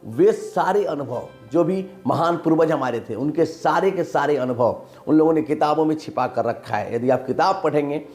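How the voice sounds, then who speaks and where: A man's voice: a little high, normal speed, hardly any pauses, darkish tone, soft background music. A man speaking in an earnest talk straight to viewers, repeating his points and counting them off, sometimes reciting a line of verse. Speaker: motivational speaker. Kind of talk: direct-to-camera talk.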